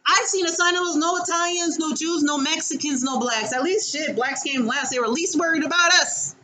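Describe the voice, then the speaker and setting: A woman's voice: high-pitched, a little fast, very noisy. A woman in her forties from the United States, delivering a heated, profane, unscripted rant to camera. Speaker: vlogger.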